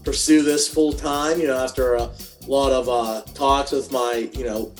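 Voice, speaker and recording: A man from western Pennsylvania talking as a guest over a video call, telling stories with dry, self-mocking humor. His voice is mid-pitched and easygoing, with faint music behind it. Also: fairly even intonation, a little slow. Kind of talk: casual interview storytelling.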